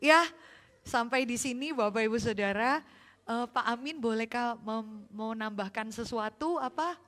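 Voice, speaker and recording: A woman pastor with an Indonesian accent, preaching a sermon and telling family stories with lively acted-out quotes. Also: fairly high pitch, measured pace.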